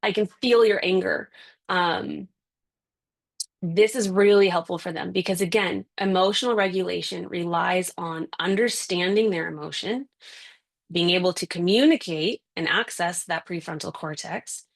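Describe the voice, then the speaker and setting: A woman's voice: on the low side, moderate pace, vocal fry. A woman, a parenting specialist, giving a conversational, emphatic talk full of rhetorical questions.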